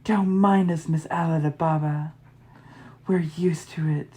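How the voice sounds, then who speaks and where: A woman's voice: sits low, steady tone, slow, mellow. Woman playing a subdued, formal male servant. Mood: subdued, deferential. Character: deferential, composed male household servant.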